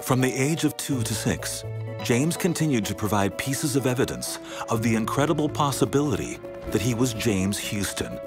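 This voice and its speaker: A man reading a scripted documentary narration in a dramatic way, slowing down on key words, with music playing behind him. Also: mid-range voice, big pitch swings. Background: background music.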